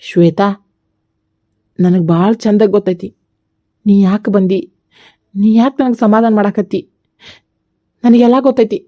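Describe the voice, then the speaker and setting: A woman's voice: medium pitch, steady tone, a little slow, long pauses, warm tone, natural voice. A woman voicing a grieving, brooding young village man with a North Karnataka accent in a cartoon comedy, speaking in a mournful, firm way. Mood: stern, sorrowful. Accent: North Karnataka Kannada. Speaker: cartoon voice actor.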